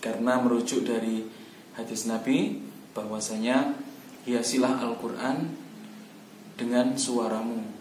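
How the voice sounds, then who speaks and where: A man's voice: mid-range voice, steady tone, measured pace, long pauses, a little mellow. A man teaching Quran recitation, explaining in a patient instructional way. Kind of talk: instructional talk. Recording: roomy echo, distant mic, faint background noise.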